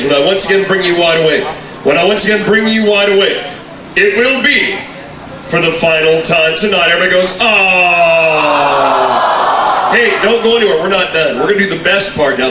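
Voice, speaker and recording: A man with a fairly high voice hosts a stage hypnotism show, speaking in commanding, repetitive hypnotist patter. He is heard from a distance in an echoey hall, with music and a crowd behind him. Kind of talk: stage hypnotism show, addressing audience and volunteers. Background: music and crowd noise.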